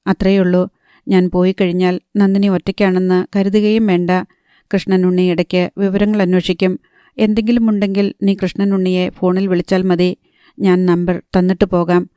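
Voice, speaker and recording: A woman reading a calm young man who steadily reassures his tearful lover, in an audiobook. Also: on the low side, normal speed, smooth, dry recording, studio quality, close to an everyday voice. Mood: reassuring. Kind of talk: audiobook narration.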